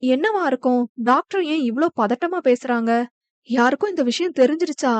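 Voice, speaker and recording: A woman's voice: high-pitched, animated, normal speed, no room sound. A woman narrator voicing a young woman heroine who talks in a worried, tearful way. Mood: anxious.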